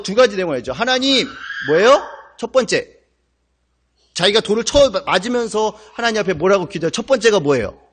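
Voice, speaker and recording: Animated man preaching with questions. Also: high voice. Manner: asks the congregation questions, animated and emphatic. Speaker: pastor. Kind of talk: sermon. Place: church sanctuary.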